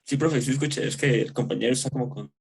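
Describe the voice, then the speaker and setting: A man's voice: medium pitch, fast talker, gravelly, slightly rough, low-quality recording. A male student answering his teacher in short replies over a video call, his audio choppy and breaking up. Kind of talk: answering during an online class.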